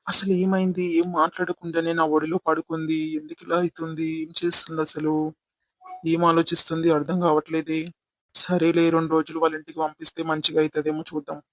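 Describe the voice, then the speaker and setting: A man voicing a puzzled, soft-hearted young husband in a village comedy skit, fretting aloud. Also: on the high side, flat delivery, quick pace, no room sound, close to an everyday voice, poor audio.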